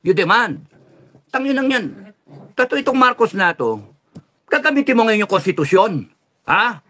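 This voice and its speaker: A man's voice: high-pitched, big pitch swings, moderate pace, sharp tone. A man ranting angrily in a political vlog, cursing often and switching into English. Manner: heated, cursing, mixes Tagalog with English. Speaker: political vlogger. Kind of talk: angry political vlog rant.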